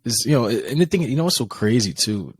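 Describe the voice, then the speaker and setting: A man co-hosting a podcast in casual chat, telling stories with lively, acted-out dialogue and casual swearing. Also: medium pitch, a little fast, slightly rough, no echo. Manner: animated storytelling, acts out quoted dialogue, swears casually. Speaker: podcast co-host.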